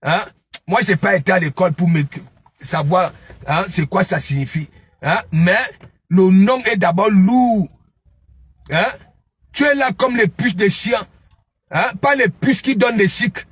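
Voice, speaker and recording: Male commentator with a high, husky voice, scolding and mocking, dry sound. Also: a little slow, fairly bright tone, no echo. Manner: taunting, keeps asking "hein?". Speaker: online gossip commentator. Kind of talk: ranting live commentary.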